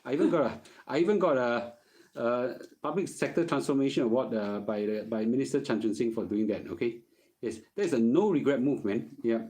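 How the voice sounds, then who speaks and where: Answering personal finance questions in casual Singlish, the middle-aged Singaporean host keeps checking in with "okay?". He has a medium-pitched, warm voice and talks fairly quickly.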